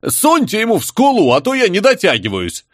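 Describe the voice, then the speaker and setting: A man's voice: sits high, huge pitch swings, fairly quick, fairly bright tone, no echo, clean studio sound, voice pushed up, full character voice. A man voicing a rowdy, crude crowd of male savages, jeering and bickering.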